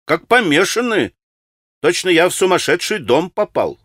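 A male audiobook reader puts on a sarcastic young man who taunts everyone around him. His voice is pitched up and sharp with spite, recorded close and dry. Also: big pitch swings, moderate pace, no echo, exaggerated voice. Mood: spiteful.

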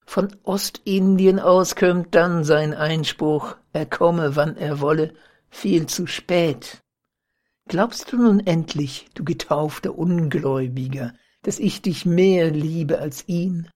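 A reader voicing a deceitful young woman's secret letter in an audiobook of old literary prose, in a hushed, partly whispered manner. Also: mid-range voice, slow pace. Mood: scheming, hushed.

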